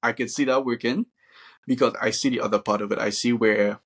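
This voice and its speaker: A man from Trinidad and Tobago, a father and host, chatting in a relaxed way and thinking aloud with lots of fillers. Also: mid-range voice, a little fast. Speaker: podcast host. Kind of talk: casual conversation.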